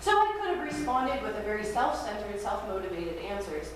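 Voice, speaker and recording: A woman pastor preaching a sermon at a pulpit microphone in a church sanctuary, in a gentle, reflective way that invites listeners to practice. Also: medium pitch, big pitch swings, a little fast. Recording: very echoey church hall, distant mic, faint hiss.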